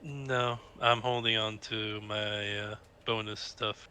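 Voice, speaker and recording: Bright-voiced man playing a tabletop game. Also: lowish voice, level tone, slow, slight background noise. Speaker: player.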